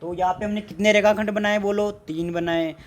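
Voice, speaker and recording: High-voiced Indian math teacher. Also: male voice, steady tone, brisk. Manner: repetitive, asks rhetorical questions and answers them himself. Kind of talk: exam-prep math lesson at a board.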